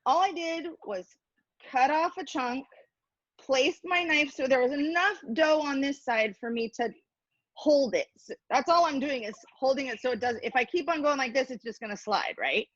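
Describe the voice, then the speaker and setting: Explaining each step of a casual hands-on cooking demo, a woman sounds chatty, playful and self-deprecating, her high, fairly bright voice at a normal pace. No room sound comes through on this lo-fi recording.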